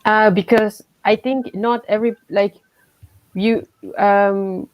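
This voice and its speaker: A woman's voice: medium pitch, steady tone, slow, dry recording, highs cut off. A woman from Malaysia who has a young child, sharing her views in a casual group discussion, with many fillers and restarts. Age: adult with a child. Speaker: workshop participant.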